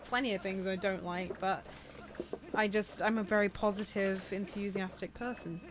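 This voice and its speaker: A woman's voice: mid-range voice, level tone, moderate pace, soft background music. Giggly British woman chatting over gameplay. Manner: giggly and chatty, laughs often. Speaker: gaming channel co-host. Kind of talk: casual gameplay chat.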